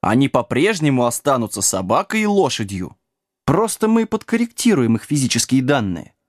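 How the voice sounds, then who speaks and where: A man's voice: mid-range voice, very animated, normal speed, no echo, clean studio sound, lightly acted. A man voicing an eager, earnest young male hero who asks questions, in an audiobook. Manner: earnest, inquiring.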